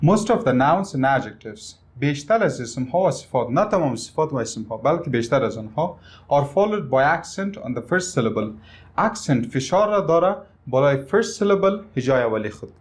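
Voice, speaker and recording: A man with an Afghan accent teaching an English lesson, speaking slowly and deliberately in English and quicker in his own language, stressing syllables emphatically. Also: mid-range voice, very animated.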